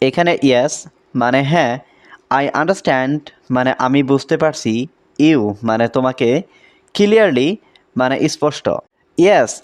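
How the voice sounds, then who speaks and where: A man teaching English phrases in a slow bilingual drill, glossing each word. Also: fairly high pitch, clean tone.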